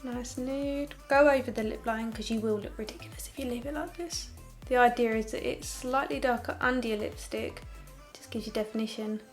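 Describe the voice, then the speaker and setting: A woman's voice: a little high, fairly even intonation, brisk, faint music behind. A young woman talking through a makeup tutorial in a casual, candid way, with sarcastic asides.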